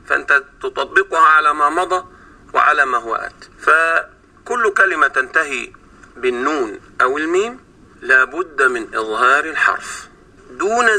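An Egyptian man teaches Quran pronunciation on the radio in a somewhat high, very bright voice. He draws sounds out slowly to show how they should be said. He comes through a broadcast recording from a little way off the mic. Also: recorded from a distance. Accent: Egyptian Arabic. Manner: slow drawn-out sounds to demonstrate. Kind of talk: explaining pronunciation on a radio program.

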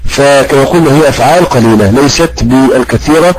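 Guy teaching grammar, middle pitch, slow with lots of pauses, asks the class questions and praises them. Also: slight background noise, poor audio. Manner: slow and halting, with many drawn-out fillers. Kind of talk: classroom lesson with audience questions.

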